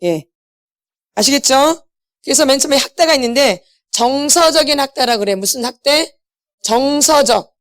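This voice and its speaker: A woman's voice: sits high, lively intonation, normal speed, fairly bright tone, no room sound. Questioning Korean woman lecturing a congregation. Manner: keeps asking the audience questions and repeating key words. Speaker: pastor's wife lecturing at a healing meeting. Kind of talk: church lecture with call-and-response questions. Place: church hall.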